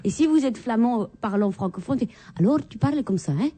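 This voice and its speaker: A Belgian woman speaks French with a Belgian accent on a radio panel. Her voice is high and mellow, and she chats playfully, slipping into imitations of regional accents. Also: expressive, fairly quick.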